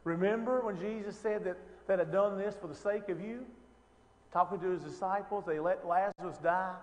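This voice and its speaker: A man's voice: high-pitched, steady tone, normal speed, darkish tone, big-room sound. A man teaching an informal Bible lesson, talking conversationally with lots of fillers and rhetorical questions.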